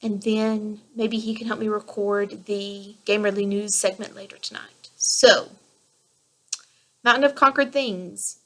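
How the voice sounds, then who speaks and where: A woman's voice: medium pitch, fairly even intonation, measured pace, fairly bright tone. A woman in her thirties hosting a solo podcast, chatting in a rambling, enthusiastic way. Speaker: podcast host. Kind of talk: casual solo podcast chat.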